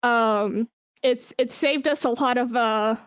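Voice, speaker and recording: Guesting on a podcast, an esports brand manager tells stories informally, sprinkling in slang. She speaks slowly in a smooth, fairly high voice, and the recording has no room sound.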